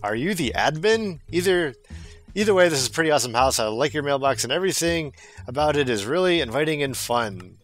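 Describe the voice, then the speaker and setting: A man's voice: a little high, expressive, brisk, soft background music. A young man hosting a casual group chat, reading viewer mail aloud in a playful way and laughing often.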